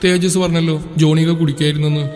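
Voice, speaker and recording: A man's voice: a little high, level tone, fast talker, a little mellow, lightly acted. A man doing a pouting, teasing young woman. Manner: coaxing, pouting, sing-song. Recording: echoey room with music behind.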